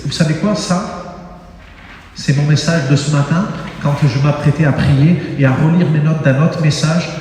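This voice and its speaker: A man preaching a sermon in a church, animated and emphatic, often exclaiming and breaking into laughter. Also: fairly high pitch, moderate pace, a little hiss or hum. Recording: very echoey church hall with long reverb.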